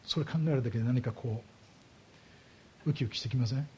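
A man's voice: mid-range voice, fairly even intonation, warm tone, dull audio, slight background noise. A man preaching a sermon as a pastor, explaining scripture and asking his congregation rhetorical questions. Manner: slows down heavily on key words.

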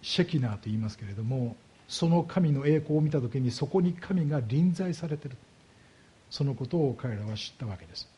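A man's voice: mid-range voice, expressive, dark tone, breathy edge. A man preaching a sermon as a pastor, explaining scripture and asking his congregation rhetorical questions. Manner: slows down heavily on key words.

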